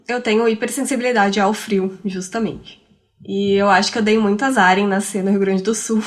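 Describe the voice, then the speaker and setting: A woman's voice: mid-range voice, steady tone. Chatty woman in her thirties, laughing often. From southern Brazil. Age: 30s. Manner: laughs often, halting restarts. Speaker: podcast guest. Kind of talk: casual conversation.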